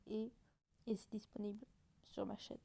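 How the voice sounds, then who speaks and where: A woman's voice: medium pitch, little pitch movement, moderate pace, vocal fry, warm tone, husky. A woman chatting casually and hesitantly as she reacts to her own old videos, often mocking herself.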